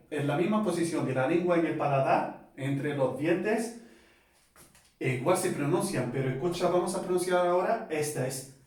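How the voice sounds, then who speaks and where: A man giving a casual pronunciation lesson, relaxed and chatty, often checking in with his listeners and repeating sounds slowly. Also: a little high, recorded from a distance. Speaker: language teacher. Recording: echoey room, voice from off-mic.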